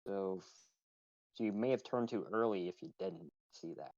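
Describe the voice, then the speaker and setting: A man on a muffled, lo-fi voice chat, chatting casually while he plays. He hesitates a lot, restarting his sentences as he works out what to say. His voice sits at a middle pitch and sounds dry and close. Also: normal speed, gravelly, darkish tone, no echo. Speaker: fellow player.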